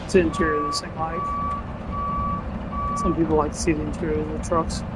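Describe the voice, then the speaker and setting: A man hosting a gaming channel gives casual, chatty commentary, dropping joking asides as he drives. His voice sits fairly high. Noticeable noise and truck engine ambience run under it. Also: level tone, brisk.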